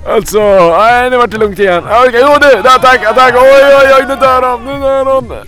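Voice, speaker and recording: A man's voice: very high-pitched, steady tone, music in the background. En man som kommenterar ett spel live, andfådd och full av utrop. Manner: breathless, keeps saying "oj" and "nu". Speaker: game commentator. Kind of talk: excited play-by-play game commentary.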